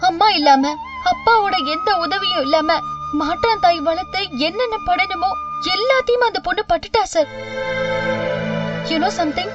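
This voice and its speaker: A woman's voice: very high-pitched, moderate pace, long pauses, loud music behind the voice. An actress playing a dutiful unmarried woman in her thirties who speaks earnestly and respectfully, in a television serial. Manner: pleading, respectful, repeatedly says "sir". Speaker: lead character in a TV serial. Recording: distant dull TV audio with background score.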